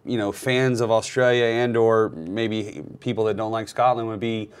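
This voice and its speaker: A man's voice: on the low side, steady tone, normal speed, smooth. A rugby coach, a man, giving firm, plainspoken opinions in a casual podcast chat.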